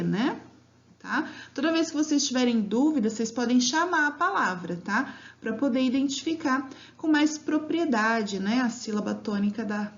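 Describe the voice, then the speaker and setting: A woman teacher giving a grammar lesson to children, drawing out words syllable by syllable and checking in with "né?" and "tá?". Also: a little high. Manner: patient, drawn-out syllables with frequent "né?" and "tá?". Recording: dull lo-fi home recording.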